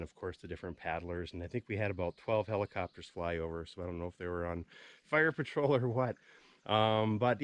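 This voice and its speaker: A man chatting casually while he tours lakeside campsites outdoors, relaxed and rambling, with frequent ums. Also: lowish voice, no room sound. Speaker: vlogger touring campsites. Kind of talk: casual outdoor vlog commentary.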